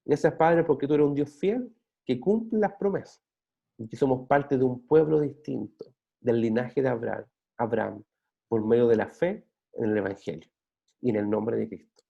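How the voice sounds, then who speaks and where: This church recording, with the high frequencies cut off, captures a Chilean pastor speaking at normal speed in a medium-pitched voice with vocal fry. His earnest, steady sermon, full of fillers and restarts, ends in prayer.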